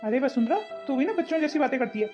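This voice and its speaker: Brief: a woman playing a gentle elderly cartoon father-in-law who speaks fast, on a muffled recording. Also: high voice, lively intonation, over loud music. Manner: gentle, reassuring. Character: kind older father-in-law, calm. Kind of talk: cartoon voice acting.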